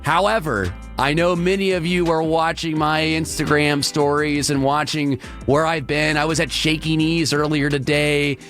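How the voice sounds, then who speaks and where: Hoarse, frog-throated male radio host. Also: fairly even intonation, normal speed, hardly any pauses, fairly bright tone, faint music behind. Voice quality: deeper than usual, frog-throated. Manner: projecting from the diaphragm, emphatic opinionated delivery. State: hoarse, congested voice. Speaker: radio talk show host. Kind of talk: solo radio talk monologue. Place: radio studio.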